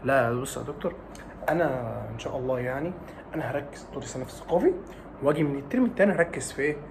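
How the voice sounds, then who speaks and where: Man voicing a meek Egyptian teen student, quiet, lower, mumbled excuses. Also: lively intonation, racing, background noise, natural voice. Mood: excuse-making. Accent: Egyptian Arabic. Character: excuse-making male Azhari high school student.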